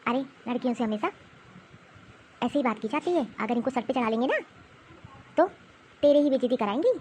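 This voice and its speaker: A woman voicing a sharp-tongued, scornful older grandmother in a cartoon who taunts her granddaughters. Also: a little high, expressive, brisk, a little hiss or hum, lightly acted. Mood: scolding. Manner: scolding, taunting. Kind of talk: cartoon voice acting.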